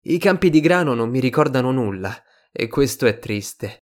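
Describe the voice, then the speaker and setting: A man voicing a patient, slightly melancholy fox in an audiobook reading, calm and reflective. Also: medium pitch, moderate pace, pitched above the performer's own voice, lightly acted. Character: wise, gentle fox, patient and a little melancholy.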